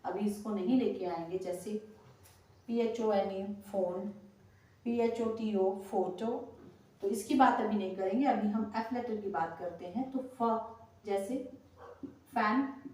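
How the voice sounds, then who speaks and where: A woman teaching pronunciation in a slow, patient way, spelling each word out letter by letter and saying it again. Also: medium pitch, dark tone, recorded from a distance. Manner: patient, spells words letter by letter and repeats them. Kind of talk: slow spoken lesson. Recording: very echoey room, voice from off the mic.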